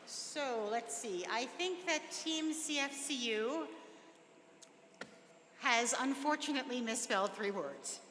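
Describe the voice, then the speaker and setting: A woman's voice: on the high side, expressive, takes it slowly, noisy background. A woman, moderating a spelling bee with playful asides to the teams and the audience. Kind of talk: live event moderation. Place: large event hall with an audience. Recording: reverberant hall, faint crowd.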